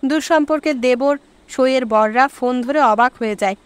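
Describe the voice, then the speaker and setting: Brief: woman audiobook narrator, high bright voice, dry close recording. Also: moderate pace, smooth, no room sound. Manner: expressive storytelling. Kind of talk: scripted narration.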